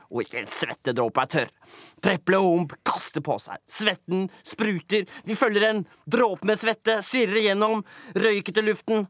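A man's voice: no echo, studio quality. Theatrical man narrating a mock documentary. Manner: theatrical, swings between booming and hushed. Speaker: comedy show host.

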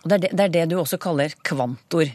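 Low-voiced woman interviewer with brisk questions. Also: darkish tone, no room sound. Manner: brisk, guiding questions and summaries. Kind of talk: radio interview.

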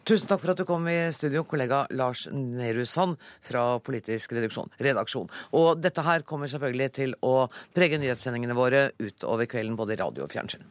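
A male news anchor leading a studio interview, brisk but light and self-deprecating. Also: medium pitch, animated. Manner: light, joking about not understanding.

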